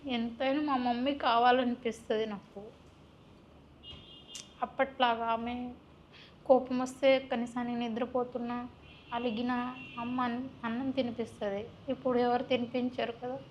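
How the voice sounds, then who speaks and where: A woman's voice: a little high, level tone, measured pace, long pauses, slight background noise. A young woman, recounting her personal story in a plaintive, heartfelt way as an interview guest. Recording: muffled recording.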